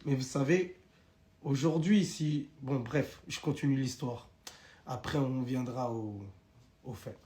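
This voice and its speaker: A man's voice: mid-range voice, slow, warm tone. A young man in casual live-stream chat, animatedly telling viewers his own story and addressing them directly.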